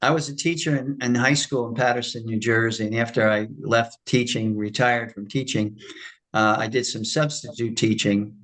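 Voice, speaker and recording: A man, a retired schoolteacher, leading a spiritual class and telling a story in a casual, animated way. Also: mid-range voice, moderate pace, rough recording. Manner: animated storyteller, acts out quoted voices. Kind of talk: casual storytelling after a lecture.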